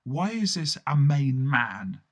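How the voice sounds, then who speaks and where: The narrator is a man with a mid-range, very animated voice who speaks slowly. He tells a surreal radio play monologue in the first person, theatrically, breaking off into colloquial asides and sudden exclamations.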